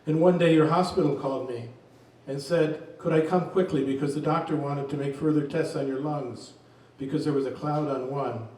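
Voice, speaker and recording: A man reading his poems aloud at a reading event, in a slow, measured voice. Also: fairly high pitch, fairly even intonation, a little mellow. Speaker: poet reading his work. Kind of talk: poetry reading. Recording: very echoey room, distant mic.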